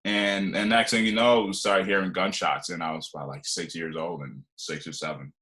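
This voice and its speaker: A Liberian-born man in his twenties, guesting on a podcast, rambles through his life story with plenty of fillers and restarts. His voice is deep and sharp, held at a level tone and a moderate pace, in casual conversational storytelling.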